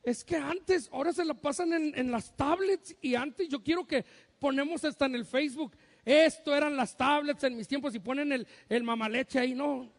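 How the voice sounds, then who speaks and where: Pastor, very high male voice, jokey preaching that acts out family voices, long church-hall reverb. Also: normal speed. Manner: humorous, acts out parents' and sons' voices. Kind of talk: sermon.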